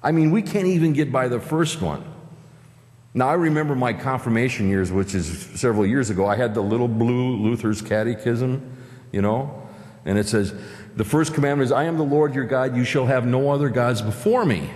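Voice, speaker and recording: Standing at the pulpit microphone in a reverberant church sanctuary, a fifties-aged Upper Midwest pastor delivers a conversational sermon and questions his congregation. He speaks at a normal speed in a darkish, mid-range voice.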